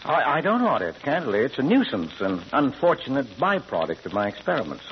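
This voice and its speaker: An urbane, scholarly doctor who has turned amateur burglar, playing a cultured gentleman criminal in 1940s radio drama style. His medium-pitched voice moves briskly and very animatedly, calm and candid, with precise educated diction that is hesitant yet politely pompous, and he stays curious and unflappable. The recording is a dull, muffled old radio broadcast with faint noise.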